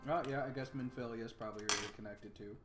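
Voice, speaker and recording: A man's voice: medium pitch, fairly even intonation, quick pace, over loud music. A man running a tabletop game as game master, who jokes, laughs often and swears casually.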